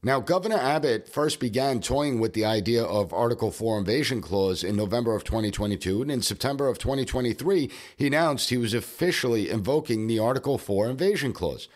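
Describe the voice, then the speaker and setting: A man's voice: mid-range voice, lively intonation, a little fast, hardly any pauses. A man hosting a podcast, delivering an emphatic, argumentative political commentary monologue. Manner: emphatic, argumentative, mocking at times. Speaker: podcast host.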